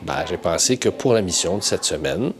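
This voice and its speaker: A man's voice: low-pitched, lively intonation, moderate pace, a crowd in the background. A man with a Québécois accent, addressing his team in an easygoing, direct way as host. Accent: Québécois French. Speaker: show host.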